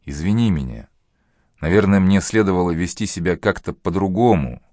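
A man's voice: low-pitched, animated, moderate pace, a little mellow, no room sound, studio quality. A man reading a weary young lieutenant. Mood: weary, subdued. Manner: subdued, tired, pleading. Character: tired young male lieutenant, weary, jealous.

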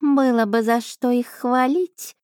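A spoiled, gluttonous female cat familiar from a fantasy audiobook, performed by a woman narrator. She talks high and slow, drawling each phrase with offended self-importance. The recording is dry and close. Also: steady tone, darkish tone, smooth, no room sound. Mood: indignant. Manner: indignant, drawn-out and self-important.

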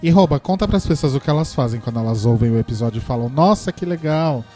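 Man, mellow dark tone, teasing flamboyant host, laid-back chat, soft music behind. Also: medium pitch, expressive, very fast. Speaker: podcast host. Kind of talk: casual radio chat.

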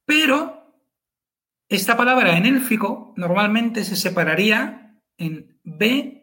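A man's voice: high voice, lively intonation, measured pace, bright, forceful tone. A man, co-hosting a podcast chat and explaining pronunciation carefully, syllable by syllable. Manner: careful and methodical, spells out syllables.

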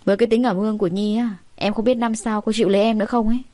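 A woman's voice: medium pitch, fairly even intonation, rapid-fire, mellow, no echo, lightly acted. Woman narrator doing an eager young man in love, earnest, pleading.

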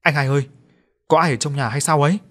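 A man's voice: medium pitch, normal speed, a bit bright, close to an everyday voice. A man voicing an uneasy middle-aged builder who senses something wrong in an empty house. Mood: alarmed. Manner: alarmed, uneasy.

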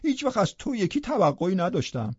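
A man's voice: high-pitched, very animated, slightly rough, dry recording, muffled recording, exaggerated voice. A man voicing a proud, scornful young woman in an audiobook, speaking bitterly and cuttingly. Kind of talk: audiobook character voice.

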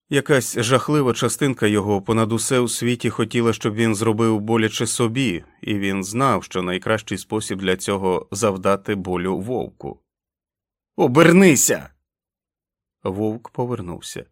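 A man reading a novel aloud as an audiobook narrator, with dramatic, expressive delivery. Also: fairly low pitch, no echo, clean studio sound.

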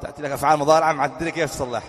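A man's voice: fairly high pitch, steady tone, very fast. A man from Yemen giving an Arabic grammar lesson, quizzing his students and repeating key words as he teaches. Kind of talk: classroom lecture with questions to students. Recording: long reverberant hall.

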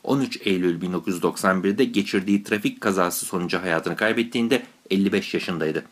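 A man's voice: sits low, brisk. A man reading scripted narration as a radio host.

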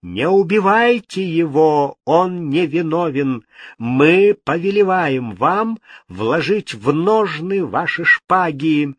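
A man raises his voice into an imperious queen mother in an audiobook, her speech high, loud and deliberately slow. She is commanding and indignant, with a husky edge. The sound is close and dry. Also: lively intonation, dry recording, heavily acted.

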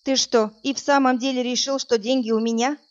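A woman's voice: high-pitched, steady tone, brisk, muffled recording, voice pushed up, lightly acted. A woman voicing a frightened but defiant young captive woman in a read-aloud crime story. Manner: pleading then sharp, tense.

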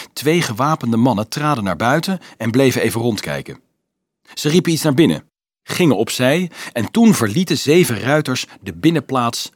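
A man narrating an audiobook in an expressive, dramatic storytelling manner. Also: medium pitch, husky, no room sound.

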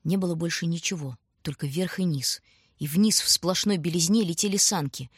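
Husky low-voiced woman narrating a story. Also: moderate pace, no room sound, studio quality. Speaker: audiobook reader. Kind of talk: scripted narration.

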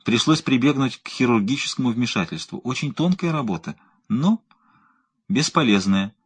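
Audiobook: man voicing a calm male scientist, methodical and lecturing, husky tone. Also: mid-range voice, moderate pace. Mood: explaining. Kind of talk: audiobook reading.

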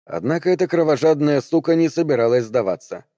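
A man reading an audiobook, narrating in a measured, even storytelling manner. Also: fairly high pitch, dry recording, studio quality.

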